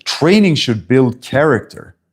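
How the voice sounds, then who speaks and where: A man's voice: medium pitch, expressive, a little slow, slightly rough. A man in his forties from Sweden, a personal trainer talking bluntly and emphatically to camera at a friend's house, swearing now and then. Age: 40s. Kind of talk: talking-head fitness vlog.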